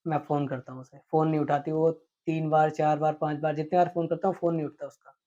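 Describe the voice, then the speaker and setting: A man telling his own story in an interview, earnest and animated, acting out the quotes. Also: a little high, fast. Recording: dull lo-fi sound.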